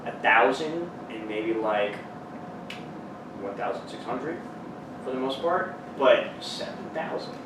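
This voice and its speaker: A man's voice: medium pitch, animated, takes it slowly. Texan man, podcast host, rambly and profane; distant mic, echoey noisy room. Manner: rambling, swears freely, many fillers. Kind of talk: casual chat.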